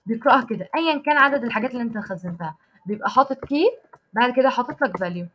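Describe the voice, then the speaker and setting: Egyptian woman teaching python online, talks super fast, keeps checking if ppl got it, fixes herself midsentence. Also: on the high side, animated, fairly bright tone, slight background noise. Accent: Egyptian Arabic. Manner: explains step by step, checks in with students often; frequent restarts and self-corrections while typing code. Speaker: programming instructor. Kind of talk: live online coding lesson.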